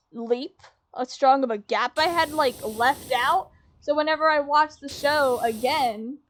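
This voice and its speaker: A woman's voice: sits high, a little hiss or hum. A young woman streaming a game, rambling casually, swearing freely and laughing things off. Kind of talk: casual chat while gaming.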